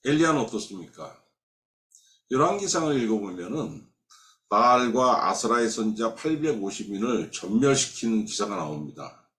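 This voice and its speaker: A man preaching a Sunday sermon as pastor, emphatic, acting out quoted voices and dropping suddenly to soft. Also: mid-range voice. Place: church sanctuary. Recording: roomy church sanctuary sound.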